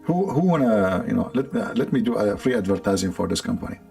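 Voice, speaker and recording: A man's voice: lowish voice, expressive, fast talker, vocal fry, a little mellow, soft background music. A man with an Arabic accent, a livestream host rambling in a sarcastic, joking way and laughing often. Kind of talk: casual joking monologue.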